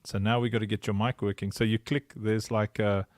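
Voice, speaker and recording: A man's voice: lowish voice, little pitch movement, a little fast, dry recording, studio quality. A man hosting a casual livestream chat over a video call, playful and sing-song, laughing often. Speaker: livestream host.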